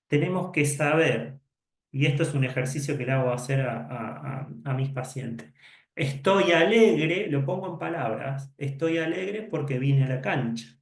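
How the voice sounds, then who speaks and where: A man's voice: a little high, reverberant. A man, a psychologist giving a conference lecture to teachers, explaining and acting out short dialogues. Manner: explanatory, acts out dialogues, self-corrects.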